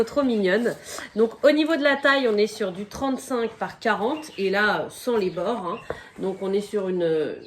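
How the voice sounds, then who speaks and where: A fairly high-voiced woman chats her way through an unboxing, casual and rambling, with a slight croak from a cold. She pads her talk with little fillers and breaks off to cough and apologize, over a faint hiss with small clicks. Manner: chatty, fills pauses with "donc" and "euh"; coughs and apologizes now and then. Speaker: crafting vlogger.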